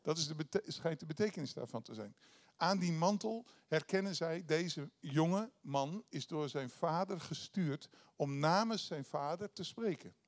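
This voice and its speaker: A man's voice: fairly high pitch, lively intonation, measured pace. A man preaching a sermon, retelling a parable in a conversational way, with frequent hesitations and restarts.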